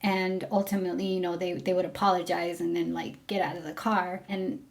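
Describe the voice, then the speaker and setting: Speaking fairly quickly in a lowish, creaky, flat voice, a young woman from Mexico candidly recounts her days as a rideshare driver to the camera, full of fillers.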